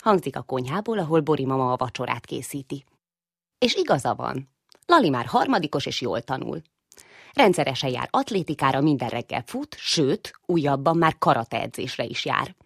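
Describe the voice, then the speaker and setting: Woman reading a kids story, really low voice, kinda husky. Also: sing-song, no echo, studio quality. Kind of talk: children's story narration.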